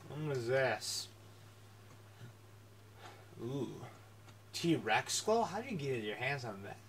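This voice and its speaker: A man's voice: medium pitch, big pitch swings, takes it slowly, fairly bright tone, slight background noise. A man giving casual let's-play commentary with offhand, quippy asides. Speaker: gamer commentator. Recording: distant mic, game music behind.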